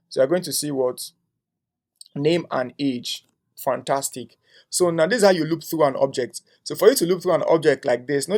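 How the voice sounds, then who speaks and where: A young man leads a coding tutorial over screen share, narrating his thoughts while typing, saying "um" a lot and ending lines with "right?". He speaks on the high side with a slightly mellow tone.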